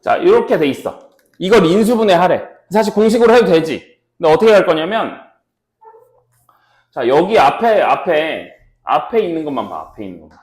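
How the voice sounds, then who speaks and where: A male math teacher with a high, very lively voice, explaining each step and constantly asking students if they follow. He is recorded in an echoey classroom. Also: normal speed. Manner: checks in often with students, repeats steps. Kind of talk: classroom lecture.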